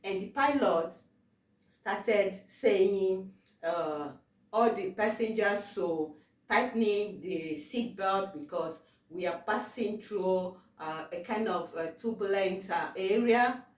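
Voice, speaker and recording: Halting woman telling a testimony, roomy. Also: mid-range voice. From Africa. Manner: halting, with many fillers and repetitions. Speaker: testimony vlogger. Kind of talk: personal testimony. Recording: roomy, distant from the mic.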